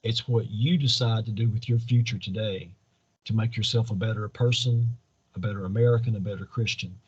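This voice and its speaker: A man's voice: fairly low pitch, steady tone, brisk, a little mellow, husky, dull audio. A man answering as a political candidate in an interview, earnest and preacherly, building points in repeated parallel phrases. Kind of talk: campaign interview answers in speech-like statements.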